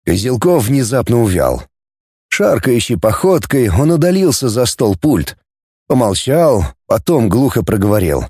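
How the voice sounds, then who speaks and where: A man reading a science fiction story aloud in expressive narration, acting out the dialogue. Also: mid-range voice, a little slow, slightly rough, no room sound, studio quality. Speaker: audiobook narrator. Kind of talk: scripted narration.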